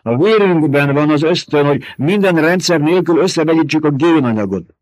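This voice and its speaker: A stern old woman who scolds and mocks with cold authority, as a male reader puts her on. Her voice sits high and carries loudly, with a dry, close sound. It is an audiobook performance. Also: animated, dry recording, close to an everyday voice. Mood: scornful. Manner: mocking and domineering. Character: stern scornful old woman, a reverend mother.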